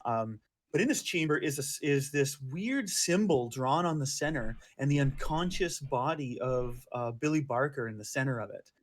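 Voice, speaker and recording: A man's voice: mid-range voice, expressive, normal speed. A man running a tabletop game as game master, describing scenes with many fillers and restarts.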